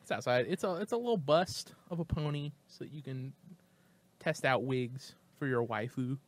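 A man's voice: mid-range voice, moderate pace, dry recording. A man co-hosting a podcast, making jokes in casual chat. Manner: wisecracking, joking. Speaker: podcast co-host.

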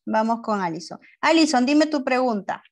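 Patient woman teacher, higher voice. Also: lively intonation. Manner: patient, repeats each step slowly with questions. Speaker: primary school teacher. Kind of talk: teaching a class to young pupils.

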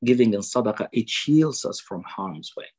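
A man giving a fundraising sermon over a video call. He quotes Arabic sayings, then translates and explains them slowly. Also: fairly low pitch, expressive, a little mellow, breathy edge, rough recording. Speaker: preacher at a fundraiser.

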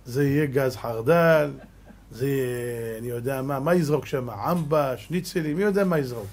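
A middle-aged man, a rabbi giving a Torah lesson to a live audience, animated, full of rhetorical questions, moving between loud exclamations and hushed tones. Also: mid-range voice, a little hiss or hum. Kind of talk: sermon.

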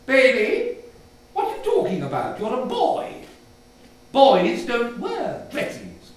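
A man's voice: very high-pitched, wildly swooping pitch, slow pace, full character voice. An older man voicing a stern, dismissive storybook mother with a curt, scolding manner. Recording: echoey hall from far off, some noise.

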